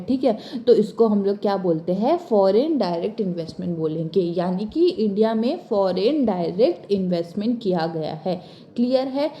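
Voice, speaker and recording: Woman, commerce teacher, bilingual lecture, dark warm tone, repeats and checks understanding. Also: mid-range voice, dull audio. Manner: repeats points with frequent check-ins; reads English lines slowly, then explains quickly. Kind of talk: bilingual exam-prep lecture.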